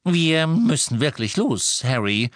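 A man's voice: on the high side, sing-song, takes it slowly, no room sound, studio quality, pitched above the performer's own voice. A man doing a cheerful, flustered wizard.

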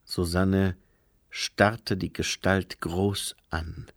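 A man narrating a novel in an expressive storytelling style, recorded on a close studio mic. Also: deep voice, extremely slow, creaky, no echo. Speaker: audiobook reader. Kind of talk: scripted narration.

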